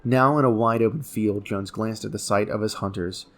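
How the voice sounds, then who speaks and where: Male narrator, lowish voice, for dramatic recitation of epic dactylic verse with a strong metrical roll. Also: moderate pace, a bit bright. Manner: declaiming in rolling, metrical dactylic rhythm.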